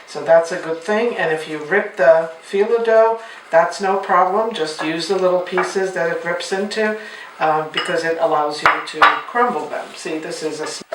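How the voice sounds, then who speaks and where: A woman from Turkey, patiently explaining a recipe step by step in a cooking demonstration in a home kitchen. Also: on the low side. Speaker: home cook. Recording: roomy, distant mic, faint noise.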